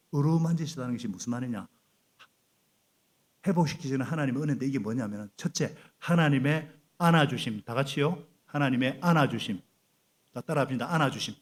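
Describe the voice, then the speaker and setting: A middle-aged male pastor preaching a sermon in a church, animated and prompting the congregation to repeat after him. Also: mid-range voice. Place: church sanctuary.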